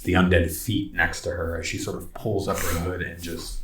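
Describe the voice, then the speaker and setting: Deep-voiced game master in an echoey room. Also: male voice, little pitch movement, normal speed, fairly bright tone, slight background noise. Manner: loose and descriptive, full of "sort of" and "like". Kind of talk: casual narration of a tabletop game. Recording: echoey room, distant from mic.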